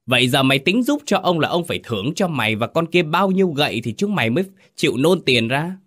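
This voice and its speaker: A man voicing a cruel, greedy old village chief who sneers and shouts threats. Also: medium pitch, very animated, normal speed. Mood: threatening.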